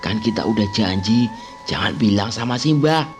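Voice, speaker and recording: A man voicing a curious, bossy young girl who asks lively questions and scolds her friend, over background music. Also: lowish voice, moderate pace, close to an everyday voice. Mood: questioning. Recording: music playing underneath.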